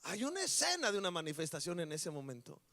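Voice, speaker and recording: A man preaching a sermon, talking conversationally and swinging from soft passages to loud, emphatic peaks. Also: a little high, huge pitch swings, fast talker, creaky, long reverb tail. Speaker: pastor.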